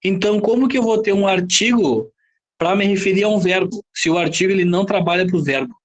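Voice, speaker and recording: Brazilian male teacher, high register, lecturing style, constantly checks the class with quick questions. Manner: explains with frequent rhetorical questions and "tá?" checks. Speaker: Portuguese teacher.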